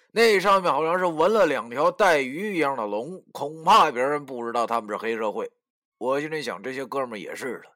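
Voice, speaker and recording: A man's voice: medium pitch, a bit bright. A man narrating a first-person web novel in a wry, mocking, slangy manner. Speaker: storyteller.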